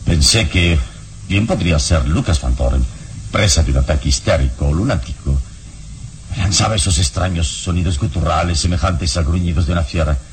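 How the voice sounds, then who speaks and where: A man voices Kalimán, the calm, heroic adult mystic adventurer with a deep voice, in vintage radio drama acting. Through a little hiss or hum, he narrates calmly with measured, composed explanation.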